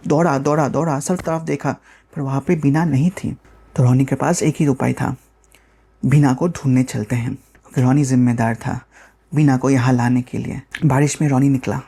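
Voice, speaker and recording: A storyteller telling a dramatic tale casually, quick and animated, repeating words for effect. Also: medium pitch, creaky, breathy edge.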